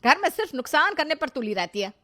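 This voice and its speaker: A domineering middle-aged mother-in-law in a storybook tale, as a woman narrator puts her on. She talks loud and bossy, in a slightly high voice. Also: expressive, moderate pace. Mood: scolding. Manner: scolding, bossy.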